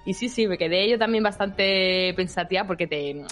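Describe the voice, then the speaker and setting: A woman's voice: mid-range voice, normal speed, a bit bright, soft background music. A woman, a content creator talking casually as a podcast guest, telling stories with many fillers and restarts.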